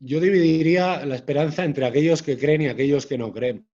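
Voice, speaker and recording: Measured man, slightly muffled audio. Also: a little high, dark tone. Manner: measured, hesitant with frequent restarts. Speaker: author and guest. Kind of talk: conversational interview.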